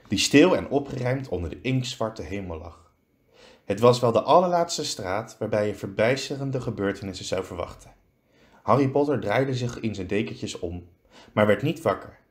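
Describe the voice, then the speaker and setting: A man, a teacher, reading a children's story aloud, slowing down for effect. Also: on the low side, expressive.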